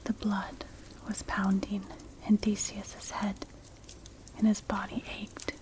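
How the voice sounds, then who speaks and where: A woman's voice: medium pitch, monotone, slow pace. Whispering woman reading an ASMR story. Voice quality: breathy, unvoiced whisper. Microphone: close mic, ear-to-ear ASMR. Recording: clear background noise, clicks. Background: crackling fire.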